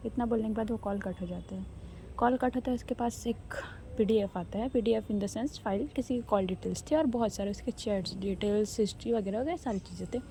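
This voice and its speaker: Chatty woman storyteller, dark mellow voice. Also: mid-range voice, brisk, vocal fry, slight background noise. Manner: chatty, self-correcting. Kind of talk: casual spoken story narration.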